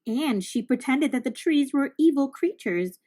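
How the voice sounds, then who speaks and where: Narrating a storybook for young children, a high-voiced woman reads aloud with careful, expressive phrasing.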